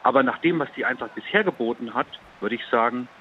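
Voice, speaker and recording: A man's voice: mid-range voice, fast. A man, a sports journalist, giving spoken expert analysis in an interview. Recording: phone-like narrow sound, faint noise.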